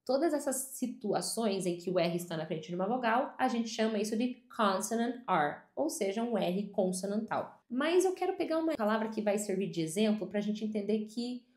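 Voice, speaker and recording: A woman with a Brazilian Portuguese accent explains a language point in a video lesson, speaking patiently and clearly and drawing out example words slowly. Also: medium pitch, animated, darkish tone. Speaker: English teacher. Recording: roomy echo.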